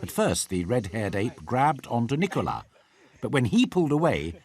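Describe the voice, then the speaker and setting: A man's voice: mid-range voice, big pitch swings, normal speed. A man reading scripted nature documentary narration with dramatic storytelling. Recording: loud music bed under voice. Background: music.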